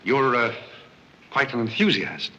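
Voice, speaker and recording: An actor playing an unruffled, gentlemanly butler with courteous, dry screwball comedy banter in a 1930s film. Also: male voice, medium pitch, big pitch swings, measured pace. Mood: courteous, tentative. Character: polite, unruffled, gentlemanly new male butler. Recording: muffled, noisy 1930s film soundtrack.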